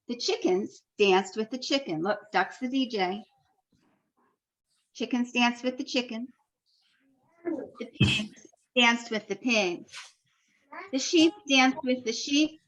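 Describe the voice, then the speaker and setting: A woman teacher reads a picture book to young children, telling the story expressively and adding friendly asides. Her voice is on the high side, and the recording quality is low.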